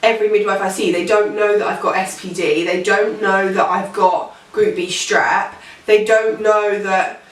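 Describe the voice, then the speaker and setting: A woman's voice: medium pitch, steady tone, normal speed. A pregnant young woman, chatting casually to camera in a rambling way, with many fillers. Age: teens. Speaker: vlogger. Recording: echoey room, mic far off.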